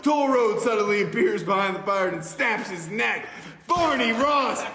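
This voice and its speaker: In an echoey room with faint noise, a podcast host performs the narration of an action film script for friends, now and then fumbling words. His voice is high-pitched, animated, bright and forceful, at normal speed.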